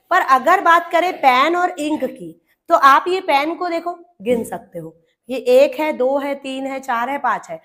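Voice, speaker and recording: A woman's voice: high voice, fairly bright tone. A young Indian woman teaching an exam-prep grammar lesson, who explains step by step, calls her students "beta" and asks and answers her own questions.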